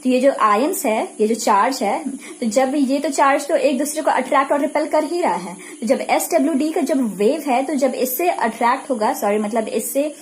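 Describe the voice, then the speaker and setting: A physiotherapy lecturer with an Indian accent explains her subject didactically, asking questions and answering them herself, mixing Hindi with English technical terms. Her high voice is expressive at normal speed, with slight background noise.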